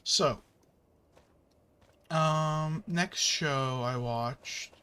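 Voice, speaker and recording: A man's voice: on the high side, drawn-out words, pushed and bright, clean tone. A man chatting casually while playing a video game, rambling with many fillers and the odd curse at the game. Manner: swears at the game. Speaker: gaming channel host.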